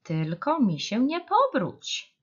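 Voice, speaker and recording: A fussy mother squirrel, put on by a woman reading a storybook, scolds in a very high, fretting voice. The sound is dull and lo-fi. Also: huge pitch swings, slow pace, husky, heavily acted. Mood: scolding.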